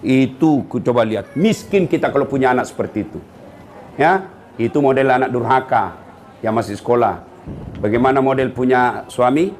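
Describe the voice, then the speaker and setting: A man's voice: mid-range voice, moderate pace, a little hiss or hum. A middle-aged man, giving a comedic sermon and teasing the congregation by calling out to them. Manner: animated, teasing, calls out to the audience. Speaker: preacher.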